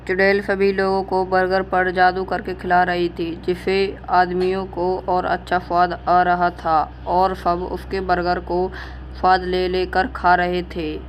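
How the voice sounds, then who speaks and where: A narrator telling a cartoon horror story in plain, even storytelling. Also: mid-range voice, unhurried, a little hiss or hum.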